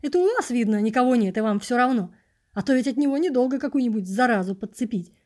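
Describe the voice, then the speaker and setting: A woman's voice: a little high, animated, fast, a little mellow, lightly acted. A woman reading an audiobook, voicing a self-righteous middle-aged male scholar who speaks with contempt. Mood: contemptuous.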